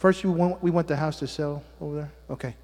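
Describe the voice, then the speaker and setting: Fast-talking, with a voice on the high side, a steady tone, and a darkish color, a pastor preaches amid big-room sound in a church sanctuary. Spanish is his native language, and he teases his congregation with jokes while checking in with "amen?"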